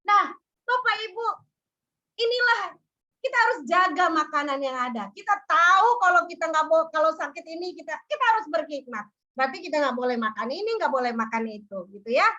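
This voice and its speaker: A woman preaching a sermon, telling personal stories in a lively way and acting out quoted voices. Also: high voice, fairly quick, lo-fi sound. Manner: lively storytelling, acts out quotes.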